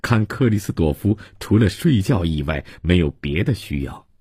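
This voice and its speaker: A man reading a serialized novel aloud for radio in a measured, deliberate narration. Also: low-pitched, expressive, warm tone, breathy edge, no room sound, studio quality. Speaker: storyteller.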